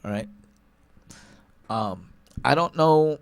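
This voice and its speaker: A man's voice: mid-range voice, animated, takes it slowly, gravelly, dry recording. A male talk show host giving an emphatic political commentary monologue, hammering one point again and again and tagging his lines with "all right?" and "okay?".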